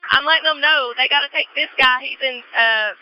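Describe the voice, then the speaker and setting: A woman's voice: high-pitched, brisk, no room sound. A woman police officer making clipped radio calls with radio codes, heard over a two-way police radio. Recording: muffled dry radio audio.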